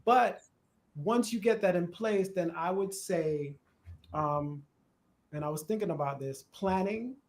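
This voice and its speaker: A man with a Jamaican accent hosting a live church discussion, chatty and animated, laughing at times as he explains. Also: high voice, a little slow. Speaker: host. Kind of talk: casual discussion on church worship. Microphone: live stream.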